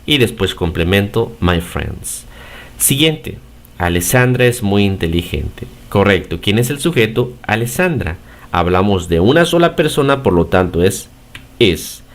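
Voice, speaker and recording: A man giving a recorded English grammar lesson in Spanish, explaining step by step and checking in with "ok?". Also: lowish voice. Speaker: English teacher.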